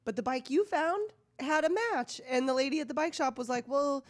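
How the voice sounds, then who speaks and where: A woman co-hosting a podcast in casual chat, dropping teasing, quick-witted remarks. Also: high-pitched. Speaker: podcast co-host.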